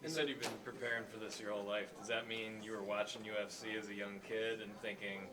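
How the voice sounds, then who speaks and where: A man's voice: fairly low pitch, fairly even intonation, quick pace. A male reporter asking a long, leading question at a press scrum. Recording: distant mic with crowd noise.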